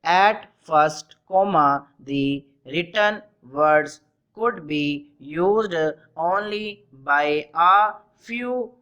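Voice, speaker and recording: A person dictating a text for a practice exercise, reading in short measured chunks and speaking the punctuation aloud. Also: medium pitch, a bit bright, highs cut off. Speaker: dictation reader.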